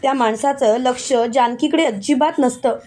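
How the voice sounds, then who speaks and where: A woman narrating a TV serial episode recap in a brisk storytelling manner, linking one event quickly to the next. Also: high voice, dark tone. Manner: brisk, chains events with repeated "then".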